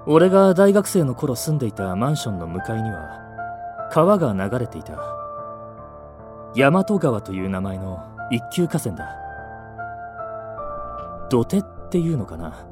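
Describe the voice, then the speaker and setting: A man narrating a first-person ghost story in a scripted, hushed telling that sinks to near-whispers at tense moments. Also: mid-range voice, very animated, measured pace, pauses often. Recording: faint music underneath.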